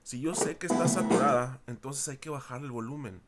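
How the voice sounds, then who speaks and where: Casual teacher talking to students. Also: male voice, medium pitch, brisk, over loud music. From Mexico. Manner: informal, repeats himself, addresses students as chicos. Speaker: university audio recording teacher. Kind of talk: screen-recorded class lecture.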